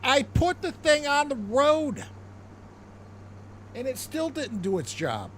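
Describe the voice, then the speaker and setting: Slow and fairly bright, a very high male voice with wildly swooping pitch carries this American streamer's casual farming-game chat. He meanders, jokes at his own expense, and chuckles, with slight background noise present.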